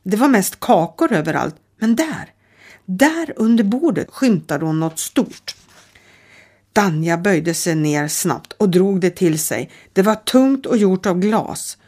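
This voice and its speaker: A middle-aged woman reading a children's audiobook with steady, calm storytelling. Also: fairly low pitch. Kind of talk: audiobook narration.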